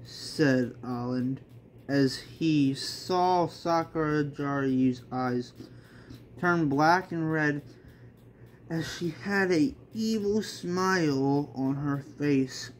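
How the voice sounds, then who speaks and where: A man with a slightly high voice reads his own self-made manga story aloud extremely slowly, in an amateur style full of rambling, informal asides and some swearing. The recording is rough, with slight background noise.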